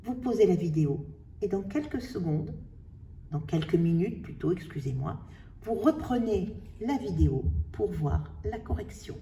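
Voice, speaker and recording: A woman teaching a spelling lesson, slowly sounding out syllables and letters for her pupils. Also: lowish voice, animated, warm tone, far from the mic, a little hiss or hum. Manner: slow, carefully sounding out syllables.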